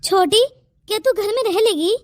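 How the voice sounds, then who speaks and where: A woman voicing the family of a cartoon story in quick, bickering domestic chatter. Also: extremely high pitch, no room sound. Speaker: narrator voicing all family roles. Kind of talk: cartoon voice acting.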